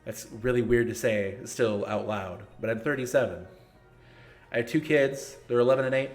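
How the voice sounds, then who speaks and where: Soft music plays in the background as a thirty-something man hosts a gaming league's casual live-stream Q&A. He speaks at medium pitch and a moderate pace, firing back blunt, joking, sarcastic answers to chat questions.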